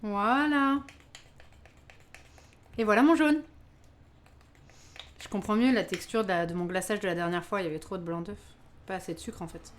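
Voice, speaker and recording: A woman chats her way through a live baking stream, talking straight to her viewers. Her voice sits at an ordinary mid pitch, and her delivery is loose and exclamatory, sprinkled with frequent laughs. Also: moderate pace, long pauses, slight background noise. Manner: chatty, exclamatory, laughs often, talks to chat. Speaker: live-stream cooking host. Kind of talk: casual live-stream chat while baking.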